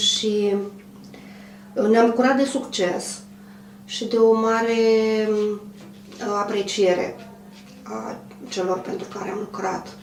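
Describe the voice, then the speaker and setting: A woman in her fifties who runs a clothing manufacturer, answering an interview in a measured, hesitant way with many pauses. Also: medium pitch, steady tone. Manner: measured, hesitant, frequent pauses and throat clearing. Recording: roomy, distant mic, faint hum.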